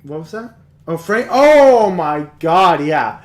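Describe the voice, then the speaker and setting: A man's voice: high voice, sing-song, slow pace. A man hosting a live model-building stream, chatting casually, rambling and giggling. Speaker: streamer and host. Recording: echoey room.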